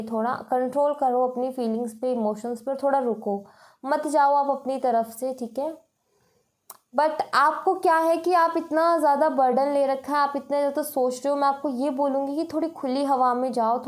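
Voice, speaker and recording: A woman's voice: high-pitched, a little mellow. A woman giving a reassuring tarot reading, mixing English phrases into her talk. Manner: mixes English phrases into Hindi, says "you know" and "thik hai" often; reassuring, advising. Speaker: tarot reader.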